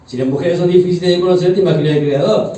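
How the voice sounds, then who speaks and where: A man's voice: sits high, rapid-fire, mellow. A man with a Uruguayan accent preaching a sermon as pastor, joking and conversational, often asking the congregation questions. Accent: Uruguayan Spanish. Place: church hall. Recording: echoey church hall from far off.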